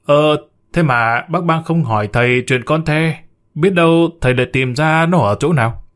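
A man's voice: a little high, normal speed, close to an everyday voice. A man voicing a chatty, gossipy female relative by marriage who prods the others. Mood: prodding.

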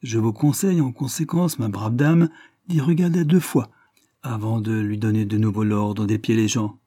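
A man reading an audiobook, voicing a stern gentleman who issues emphatic warnings. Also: on the low side, steady tone, normal speed, no echo, studio quality, lightly acted. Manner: threatening, emphatic. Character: stern, forthright young gentleman.

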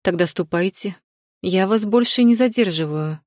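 A woman voicing a haughty, scheming aging stepmother who sneers and turns shrill. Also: normal speed, a little mellow, dry recording, studio quality, lightly acted. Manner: sneering, shrill when upset. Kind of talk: audiobook character voicing.

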